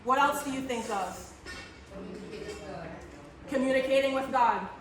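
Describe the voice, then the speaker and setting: A woman in her thirties from Barbados gives an earnest talk at a Caribbean church, restarting phrases and asking the audience questions. Her high voice moves at a measured pace, picked up from far off in an echoey room with faint noise.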